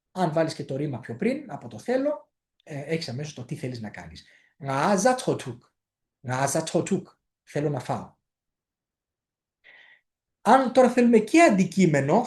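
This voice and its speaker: Man, language teacher, animated pitch, patient and hesitant, slow demonstrative repeats. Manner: explains patiently, repeats phrases slowly for pronunciation; frequent hesitations and fillers. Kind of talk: casual spoken lesson.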